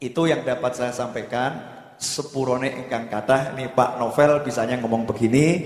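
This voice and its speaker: A man preaching a sermon in lively storytelling, rising into exhortation. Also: medium pitch, normal speed. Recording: echoey hall with long reverb.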